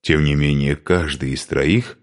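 A man narrating an audiobook in an expressive reading style. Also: a bass voice, unhurried.

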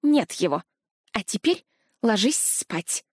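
A woman's voice: mid-range voice, sing-song, slow, husky, no echo, exaggerated voice. A woman voicing a fussy, motherly ghostly dragoness guardian who scolds and dotes, in a dry, close storybook reading. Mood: strict. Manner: strict then doting, scolding.

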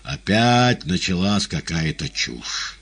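A man's voice: deep voice, very animated, takes it slowly, creaky, a bit bright, heavily acted. A man voicing the stern devil Woland. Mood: stern, ironic. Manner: stern, curt, ironic. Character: Woland, imperious male devil, cold and commanding. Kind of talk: audiobook character reading.

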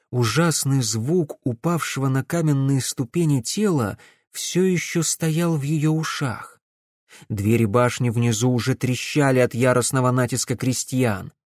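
Man narrating a dark fantasy audiobook. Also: mid-range voice, no room sound, studio quality. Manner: measured storytelling.

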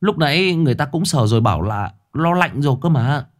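A frantic young country father whose voice climbs high and pleading, as a male narrator acts him out. His speech rides well above the storyteller's usual low voice, loud and strained with worry. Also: lively intonation, fairly quick, close to an everyday voice. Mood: urgent. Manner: pleading, voice rising. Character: anxious young village father, pleading and distraught.

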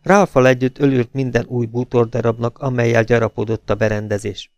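A man reads a novel aloud in a steady, even narration. His voice has a gravelly edge, and the recording is close and dry with no room sound. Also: mid-range voice, no room sound. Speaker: audiobook reader. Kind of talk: audiobook narration.

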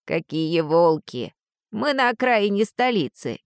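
Woman narrator doing a small male lizard guardian, haughty and hissing, slightly lowered voice, dry recording. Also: animated, a little slow, no room sound, close to an everyday voice. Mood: scoffing. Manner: hissing, condescending.

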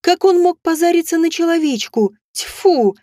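A woman voicing a jealous, vicious non-human bride who snarls and shouts with scorn. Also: extremely high pitch, animated, normal speed, no echo, clean studio sound, voice pushed up. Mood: bitter. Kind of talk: audiobook character voice.

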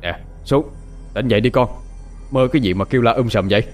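A man's voice: mid-range voice, fairly quick, faint music behind, lightly acted. A man voicing a worried middle-aged father who coaxes his son awake. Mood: urgent. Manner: gently urgent, coaxing.

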